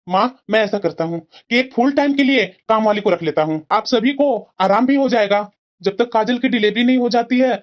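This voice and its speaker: An earnest young son from a cartoon family drama, voiced by a woman. He speaks in a rather high voice, pleading and reasoning firmly with his mother. The audio is somewhat dull and lo-fi. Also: natural voice. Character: earnest young married son defending his sister-in-law.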